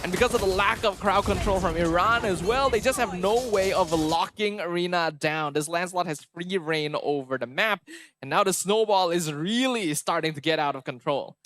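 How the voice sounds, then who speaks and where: A man's voice: high voice, moderate pace, a bit bright. A man giving live esports commentary as the analyst, fluent, emphatic and opinionated. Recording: music under the commentary. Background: music.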